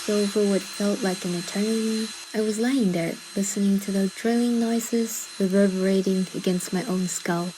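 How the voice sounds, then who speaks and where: A woman's voice: mid-range voice, steady tone, normal speed, hardly any pauses, noisy background. A woman narrating a scripted personal story as a voice-over, with wry, self-deprecating and dramatic asides. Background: music behind the voice.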